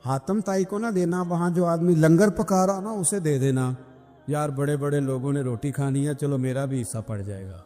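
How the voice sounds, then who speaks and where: A man voicing a humble, generous old male woodcutter in a gentle, fatherly way, inside a sermon. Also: fairly high pitch, long reverb tail, soft background music, voice pushed down, natural voice.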